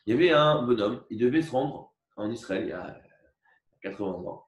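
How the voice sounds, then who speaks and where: A man teaching a religious lesson, explaining slowly with many repetitions and asides and asking for agreement. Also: mid-range voice, animated. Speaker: Torah teacher. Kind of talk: religious lecture with a parable. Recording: echoey room recorded from far off.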